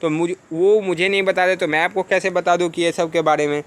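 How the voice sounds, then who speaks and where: A teacher who coaches students for defence exams talks to them casually but earnestly in a vlog, urging them on and asking rhetorical questions. His voice sits high and steady, and he speaks a little fast.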